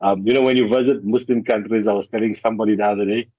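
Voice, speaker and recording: A husky, fairly low-voiced man with a South African Indian accent speaks as a radio guest. He is deliberate and builds on repeated phrases, heard dry over a dull link. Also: steady tone, warm tone, dry recording. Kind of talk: conversational radio interview.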